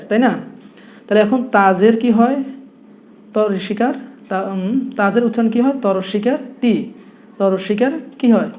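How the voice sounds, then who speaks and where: A man's voice: sits high, dark tone, slight background noise. A young man with a Noakhali Bengali accent, teaching a blackboard lesson and patiently repeating each point with rhetorical questions. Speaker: Quran teacher.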